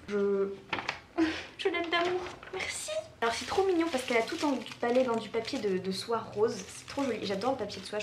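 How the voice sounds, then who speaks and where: A woman's voice: fairly high pitch, slight background noise. Bubbly young woman, echoey room. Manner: gushing, excitable, quick exclamations. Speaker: book vlogger. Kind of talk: casual unboxing chat. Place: bedroom.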